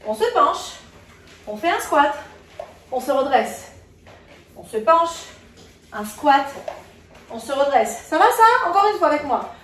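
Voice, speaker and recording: A high-voiced woman leads a workout, counting out reps and cheerfully checking on her class as she exercises. She sounds a little distant from the mic in an echoey indoor room, with faint ambience behind her. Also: very animated, measured pace, long pauses, a bit bright, slight background noise. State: moving while exercising. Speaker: fitness coach. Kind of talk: live workout instruction.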